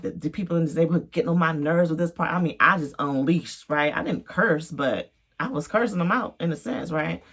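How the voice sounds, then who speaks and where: A woman giving a casual, animated personal faith testimony and acting out the voices she quotes. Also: sits low, brisk, slightly rough.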